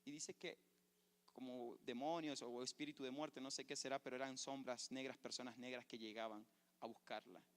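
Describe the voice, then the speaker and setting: A man's voice: medium pitch, steady tone, normal speed. A man, a pastor preaching a sermon and telling a personal testimony with fervor. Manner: fervent preacher, storytelling testimony. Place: church sanctuary. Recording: echoey church hall.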